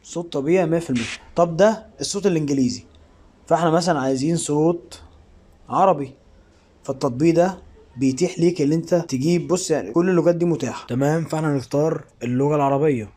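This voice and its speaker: Quick Egyptian man, higher-pitched voice. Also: mellow. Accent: Egyptian Arabic. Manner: informal, step-by-step explaining. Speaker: app tutorial presenter. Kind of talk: casual spoken screen-recording tutorial.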